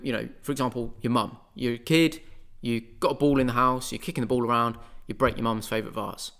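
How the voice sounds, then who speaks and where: A man's voice: mid-range voice, a bit bright. Rambling man talking casually. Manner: rambling, conversational, with many asides. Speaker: podcast host. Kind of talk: casual spoken monologue.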